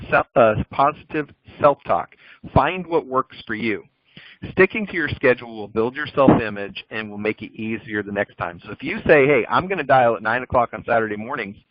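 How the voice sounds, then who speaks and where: A man's voice: medium pitch, dry recording. A man giving a recorded sales training talk over slides, coaching in a direct, instructive way. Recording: dull lo-fi dry audio.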